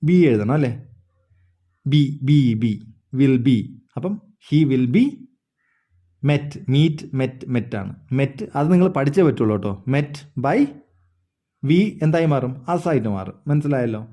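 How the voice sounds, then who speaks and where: A man's voice: medium pitch, lively intonation, slow pace, pauses often, mellow. A man teaching an English grammar lesson, explaining step by step, repeating words and often checking whether the listeners understood.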